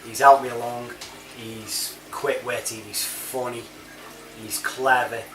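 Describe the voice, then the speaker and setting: A British man, an online reviewer and CB chat app user, rambles through a casual monologue in a chatty, matey style packed with informal slang. His mid-range voice is flat and slow, picked up on a distant mic in a roomy space with clear background and crowd noise.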